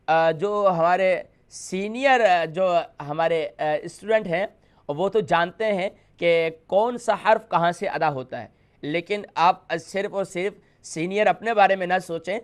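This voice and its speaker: Brief: male TV teacher, high-pitched voice, patient and repetitive, demonstrates each sound on a studio mic. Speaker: host teaching letter pronunciation. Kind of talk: televised call-in lesson.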